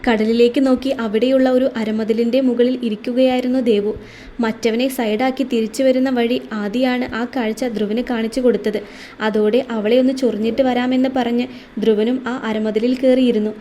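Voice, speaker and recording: A woman narrates a scripted romance story with steady, expressive reading. Her voice sits high and sounds soft and mellow. A faint hiss stays under the voice. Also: a little fast.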